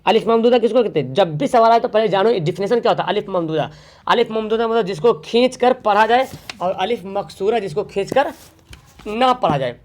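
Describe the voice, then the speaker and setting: A man teaching an exam grammar lesson, quizzing listeners with questions, repeating words and drawing some out slowly to show how they are said. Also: high-pitched, animated, a little mellow.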